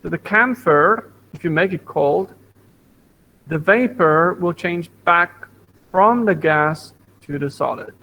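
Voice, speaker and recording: Male science teacher, fairly high voice, patient and repetitive, online class, faint hiss behind. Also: slow pace, creaky, lo-fi sound. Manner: patient, repeats points, asks class questions. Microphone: computer mic on video call.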